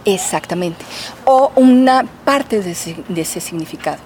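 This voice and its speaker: A woman's voice: medium pitch, animated, a little slow, darkish tone, slight background noise. Teacherly woman explaining patiently. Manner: patient, teacherly, with many fillers. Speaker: linguistics professor. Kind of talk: explanatory interview answers.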